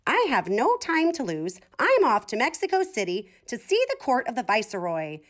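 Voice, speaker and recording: A woman voicing a vain, brisk young male chicken in a storybook, in a singsong declaiming way. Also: on the high side, wildly swooping pitch. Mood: brisk, self-important.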